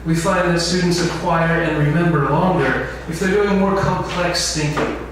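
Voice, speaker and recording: The clip has a male instructor lecturing a class in an info session and frequently directing questions at the room. He speaks at normal speed, with a fairly high pitch and fairly even intonation. Heavy echo from the large lecture room, a distant mic, and faint noise color the audio.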